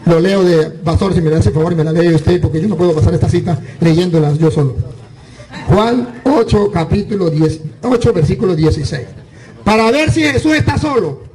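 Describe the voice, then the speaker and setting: Very high-pitched emphatic priest. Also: male voice, moderate pace, a little hiss or hum, low-quality recording. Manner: animated, emphatic, rhetorical questions. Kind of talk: live religious debate.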